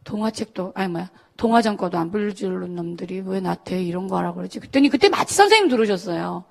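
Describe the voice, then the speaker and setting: A woman's voice: on the low side, lively intonation, quick pace, vocal fry. A middle-aged woman pastor telling a personal story in a sermon to students, acting out the voices of the people she quotes. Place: church service.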